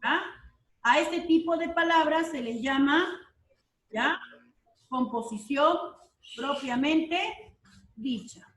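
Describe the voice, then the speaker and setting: Slow, high-voiced woman teacher in a roomy space. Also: fairly bright tone, far from the mic, slight background noise. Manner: slow, repeats key terms, checks understanding with "¿ya?". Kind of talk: online class lecture. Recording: roomy sound from off the mic.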